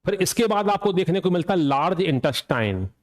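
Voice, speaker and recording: A man's voice: high-pitched, sing-song, fairly quick. A man teaching an exam coaching lecture, asking questions and answering them himself and repeating the key points to drill them in. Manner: asks and answers his own questions.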